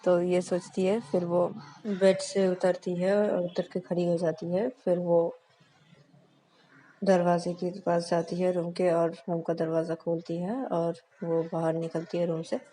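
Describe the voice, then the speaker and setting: A woman's voice: on the low side, monotone, measured pace, dark tone, slight background noise. A young adult woman telling a love story casually, with plain narration full of repeated linking phrases.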